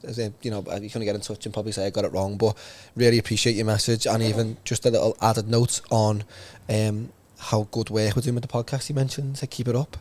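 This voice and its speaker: A man, co-hosting a podcast in casual chat and telling stories in an animated way. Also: lowish voice, fast talker, few pauses. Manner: chatty, animated storyteller. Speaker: podcast co-host.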